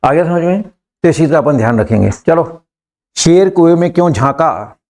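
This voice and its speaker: A man with an Indian accent teaches a live English class. His voice sits a little high. He coaxes the students along, repeats his prompts and pushes them to answer faster. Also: expressive, darkish tone. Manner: coaxing, repeats prompts, urges students to hurry.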